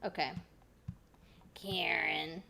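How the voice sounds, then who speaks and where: A woman's voice: fairly low pitch, steady tone, very slow, gravelly, bright, forceful tone, slight background noise. A woman streamer giving casual reaction commentary into a desk mic. She is chatty, exclaims often and swears freely. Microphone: desk mic with adjustable gain.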